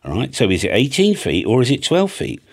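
Here the husky fiftysomething British presenter, a ham radio operator who builds antennas, sits at medium pitch with huge pitch swings, a slightly fast pace, and a somewhat mellow quality. His tutorial stays chatty and plain, peppered with "right?" and "okay?", captured up close on a large boom-mounted studio microphone in a small indoor home studio.

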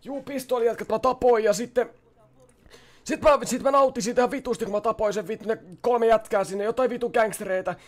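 Man doing a young crook, swearing, frantic, loud, high-pitched. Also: fairly even intonation. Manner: loud, profane, frantic, threatening. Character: brash swearing young male criminal. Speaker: roleplay streamer playing a criminal. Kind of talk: GTA roleplay, in-character shouting and swearing.

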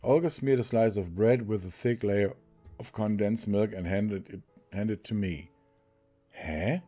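Brief: German-accented male streamer reading a story game, dark and mellow tone, faint game music underneath. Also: lowish voice. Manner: slow reader who chuckles and corrects himself. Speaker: let's play streamer. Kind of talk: reading game text aloud with commentary.

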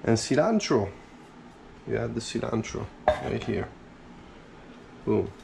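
In a cramped home kitchen, a man vlogs his cooking from a first-person head-mounted camera, speaking slowly and calmly while he chops and mixes. His medium-pitched voice carries vocal fry, and the recording is very noisy.

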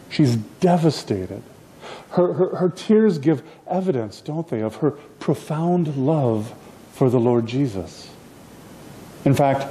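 Dark-toned man preaching a sermon. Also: medium pitch. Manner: expressive preaching, gesturing, with repeated restarts. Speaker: pastor. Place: church platform indoors, livestreamed.

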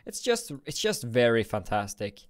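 A young man from Norway, thinking aloud and grumbling playfully while live-streaming a game at his home computer on a boom-arm desk mic. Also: very animated, moderate pace, clear, resonant tone. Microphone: desk microphone on a boom arm.

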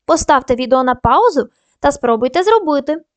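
A woman teaching a primary school video lesson, giving patient, clear instructions and spelling out sounds and syllables one by one. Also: high-pitched, animated, brisk, no room sound.

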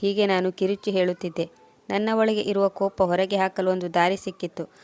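A woman reading a first-person story as scripted narration, at a steady, even pace. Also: mid-range voice, a little fast.

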